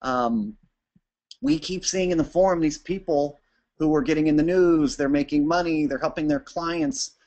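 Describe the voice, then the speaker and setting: A man presenting a webinar to app builders, talking fast and energetically with frequent restarts and ums. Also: on the high side, a little mellow, highs cut off. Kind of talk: informal talk to users.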